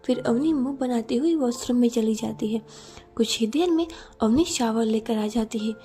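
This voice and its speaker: A woman narrating a romance story in a steady, even reading style. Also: a little high, normal speed, soft background music.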